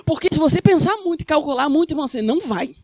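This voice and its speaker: Her high voice races along, expressive and somewhat dark in tone, as the Carioca woman from Rio de Janeiro preaches in Brazilian Portuguese. She puts questions to the congregation and answers them on her own. The studio-quality recording has no echo.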